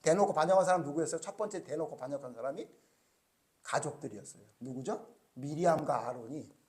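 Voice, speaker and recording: A middle-aged man preaching with a high voice. He keeps asking his listeners questions and then answers them himself. He slips into dialogue to play the biblical characters in his story. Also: quick pace, a little mellow. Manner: asks the congregation frequent rhetorical questions; acts out biblical characters' lines in quoted dialogue. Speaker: pastor. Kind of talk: sermon.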